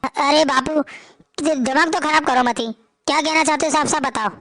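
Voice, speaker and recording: A woman's voice: high-pitched, fairly even intonation, brisk, a bit bright, no echo, studio quality. A woman voicing a drunk, short-tempered young husband who scolds harshly. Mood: defensive.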